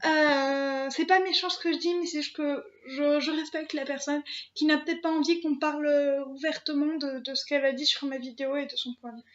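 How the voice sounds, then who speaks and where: A woman's voice: high-pitched, steady tone, brisk, dull audio. A young woman hosting her own channel, talking casually to camera, hesitant, with many fillers and restarts. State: emotional, near tears. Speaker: channel host. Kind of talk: casual vlog talk to camera.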